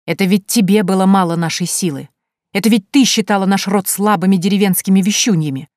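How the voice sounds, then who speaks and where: A woman's voice: lowish voice, a little fast, a little mellow, no room sound, clean studio sound, lightly acted. A woman voicing an indignant older mother. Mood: reproachful. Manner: reproachful, raised and scolding. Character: older gray-haired mother, disapproving and indignant.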